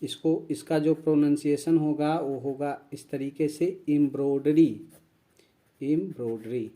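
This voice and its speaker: Guy teaching english words, kinda high voice, repeats and spells everything. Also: flat delivery, dark tone. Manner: slow, repeats each word and spells it out. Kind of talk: vocabulary lesson.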